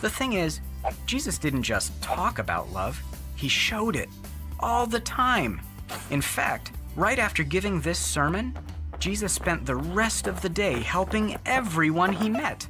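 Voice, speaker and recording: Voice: mid-range voice, sing-song, measured pace. A narrator telling a Bible story for children in a friendly, simple explaining manner. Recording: music underneath.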